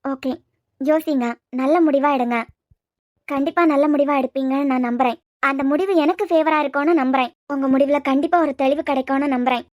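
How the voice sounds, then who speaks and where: A woman's voice: high voice, steady tone, fairly quick, a little mellow, dry recording, clean studio sound, natural voice. A woman voicing a bold, pleading young woman. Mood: hopeful. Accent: Kanyakumari Tamil. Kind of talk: cartoon web-series voice acting.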